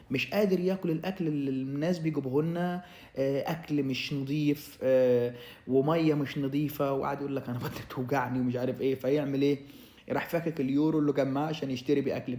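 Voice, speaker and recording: A young Egyptian man with an Egyptian Arabic accent casually telling his own story to the camera, lively and addressing the listener directly. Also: on the high side, reverberant. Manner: animated storyteller, acts out quotes, addresses listener as "ya m'allem".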